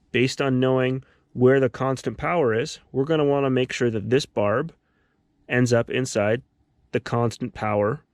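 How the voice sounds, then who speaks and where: Recorded with studio quality and no room sound, this mid-range, slightly mellow male voice belongs to the host of a DIY car electronics channel. He explains each step of a hands-on tutorial while musing aloud over what he's doing.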